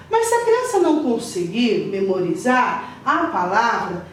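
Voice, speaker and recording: A woman teacher, explaining letters and syllables to parents in a slow, patient way and checking in often. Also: high-pitched. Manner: slow, patient, repeats syllables and asks "tudo bem?". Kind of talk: literacy lesson for parents. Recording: echoey room, voice from a distance, faint hiss.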